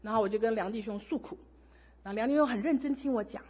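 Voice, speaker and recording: A woman's voice: a little high, fast talker, a little mellow, breathy edge, dull audio. A woman sharing an earnest testimony in a sermon, telling stories and exhorting listeners. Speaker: church speaker sharing testimony.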